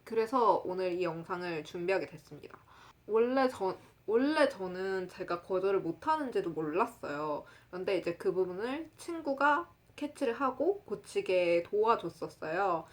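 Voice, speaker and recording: A woman in her twenties casually telling a personal story to the camera, laughing often and acting out quotes in a loud high voice. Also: animated, moderate pace. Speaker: vlogger.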